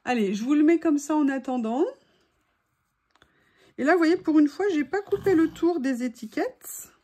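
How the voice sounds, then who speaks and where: High-pitched woman craft vlogger, chatty and playful, at home. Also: moderate pace, mellow. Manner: chatty and playful, teasing asides to her dog. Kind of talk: casual chat while making a collage.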